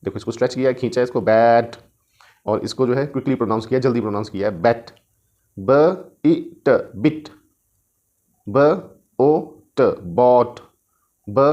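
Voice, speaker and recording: A man gives a spoken English lesson to Hindi and Urdu speakers at a mid-range pitch. He switches between the two languages and restates each point in both. He draws out letter sounds slowly when he demonstrates them. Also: a little mellow, lo-fi sound. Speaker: English teacher.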